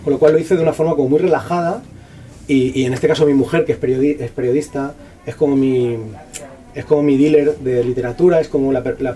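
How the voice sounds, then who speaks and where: Fast-talking man, heard from afar. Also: medium pitch, dark tone. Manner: fast, slangy and profane, with many restarts. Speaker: author presenting his book. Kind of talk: casual talk at a book presentation. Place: bookshop event space. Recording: distant voice with faint room noise.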